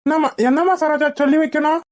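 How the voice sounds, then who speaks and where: A woman's voice: sits high, level tone, fast, heavy background noise, close to an everyday voice. A woman doing a stern village father. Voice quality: harsh, scolding. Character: stern village father, middle-aged man. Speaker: father scolding his wife. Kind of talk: cartoon voice acting.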